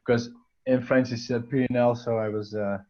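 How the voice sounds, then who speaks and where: A man's voice: mid-range voice, steady tone, a little slow, darkish tone, dull audio. A man from the Netherlands whose first language is Dutch, talking casually as an interview guest with many fillers and restarts.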